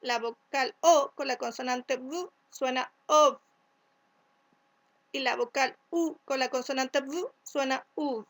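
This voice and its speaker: A woman from Chile teaching a first-grade class, speaking slowly and clearly, sounding out letters and syllables and often checking with "¿cierto?". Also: high voice. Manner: asks "¿cierto?" to check along. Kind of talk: recorded remote class instructions.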